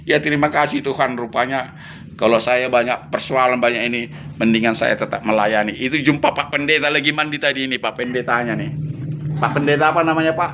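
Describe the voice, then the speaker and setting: A man's voice: mid-range voice, fairly quick, a bit bright, a little hiss or hum. A man who is a missionary pastor. He tells stories in a casual chat, laughs often and acts out what people said. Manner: chatty, laughs often, acts out quoted speech.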